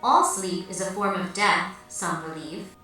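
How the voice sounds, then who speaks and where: Woman voicing a calm, menacing medical AI. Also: on the low side. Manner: cool, measured, unyielding. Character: calm, quietly menacing female medical computer. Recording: very echoey, distant, music behind.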